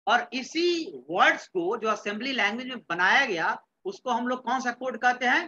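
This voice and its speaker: Recorded in dull, lo-fi audio, a classroom lecture features a computer science teacher from Bihar, India, talking at normal speed in an extremely high, bright, forward voice. He constantly questions students, repeats their answers, and mixes English terms into his Hindi.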